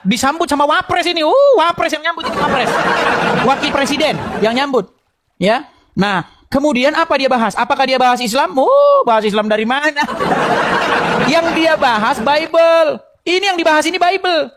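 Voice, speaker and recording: A man's voice: extremely high pitch, animated, moderate pace. A man hosting a confrontational live-stream debate, mocking and laughing often as he challenges his viewers. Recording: loud crowd and heavy background noise.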